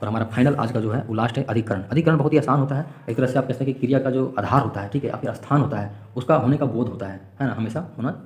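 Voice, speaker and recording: A man rattles through a grammar lesson for exam students at a brisk clip. His pitch sits in a middle range. He repeats each example and keeps asking his listeners rhetorical questions. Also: a little mellow. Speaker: teacher.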